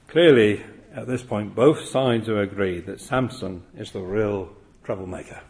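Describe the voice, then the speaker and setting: A man's voice: on the low side, a little slow, darkish tone. A man preaching an expository sermon, earnest and full of rhetorical questions.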